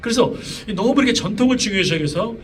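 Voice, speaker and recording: A middle-aged man preaching a sermon with a high, light voice, asking the congregation one question after another and talking in a loose, chatty way. He sounds set back from the microphone, and a faint hum of the room sits under his words. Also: lively intonation, quick pace. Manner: conversational preaching with many fillers and rhetorical questions. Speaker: pastor. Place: church sanctuary. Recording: voice from a distance, faint room noise.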